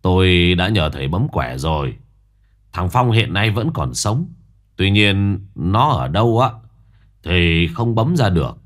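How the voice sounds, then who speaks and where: A man doing a gruff, scolding village elder. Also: deep voice, big pitch swings, a little slow. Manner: curt, scolding. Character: gruff stubborn middle-aged village man.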